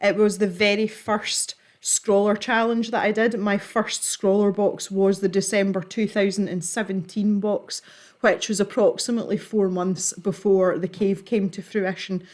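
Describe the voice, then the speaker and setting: A woman's voice: mid-range voice, a little mellow. A giggly woman with a Scottish accent, chatting informally as she hosts a livestream. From Scotland. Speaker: livestream host. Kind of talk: casual chat to a live audience.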